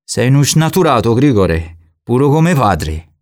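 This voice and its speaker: Guy doing a gruff southern italian bandit chief, raised pitch, blunt and crude. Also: sing-song, unhurried, a little mellow. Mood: menacing. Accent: southern Italian dialect. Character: rough male bandit chief, coarse and vengeful.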